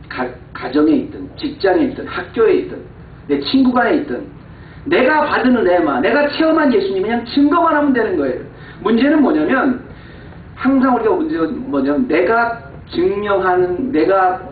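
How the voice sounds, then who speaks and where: A man preaching a sermon as pastor, dropping to low, quiet asides and rising to heated emphasis, acting out exasperated complaints. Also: phone-quality sound, a little hiss or hum. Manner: acts out quoted complaints in an exasperated voice. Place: church sanctuary. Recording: echoey, far-off, phone-thin church recording.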